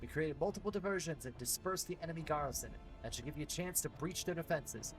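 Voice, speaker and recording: A man voicing a stern military lieutenant in a gravelly voice, reading game dialogue aloud. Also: fairly high pitch, fast, soft background music, close to an everyday voice, rough recording. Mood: commanding.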